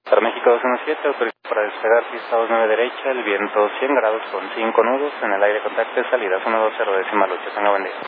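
A man working as an air traffic controller, giving brisk, terse instructions in clipped phraseology over a two-way radio. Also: lowish voice, fairly even intonation. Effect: two-way radio transmission. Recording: tinny noisy radio channel.

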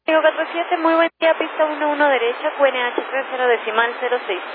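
A woman's voice: high voice, fast talker. A woman working as an air traffic controller, giving clipped, formal instructions over a two-way radio transmission. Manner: clipped, formal, even delivery. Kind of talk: radio phraseology. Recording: tinny radio with static hiss.

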